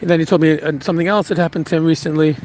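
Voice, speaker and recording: A rabbi recounting a personal story in an earnest, halting way, with frequent restarts. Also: male voice, on the high side, steady tone, darkish tone, a little hiss or hum, rough recording.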